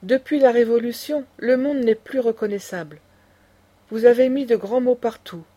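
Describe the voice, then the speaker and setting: A woman's voice: fairly high pitch, moderate pace, mellow, lightly acted. A woman voicing an indignant aristocratic old grandmother who lectures with passion. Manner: impassioned, lecturing.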